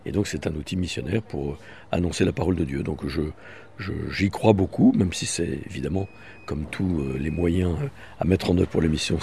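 A man, a bishop, answering in a radio interview in a measured, explanatory way with some fillers. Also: sits low, creaky, a little mellow, a little hiss or hum.

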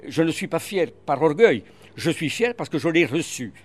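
A man's voice: fairly high pitch, lively intonation, moderate pace. An older man with a regional French accent, a radio columnist in an interview, hesitant with many fillers but earnest and emphatic.

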